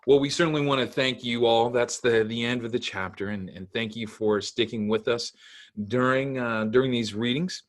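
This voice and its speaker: A man's voice: medium pitch, normal speed. A man narrating a children's storybook aloud, in simple storytelling meant for kids. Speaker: camp executive director reading to children.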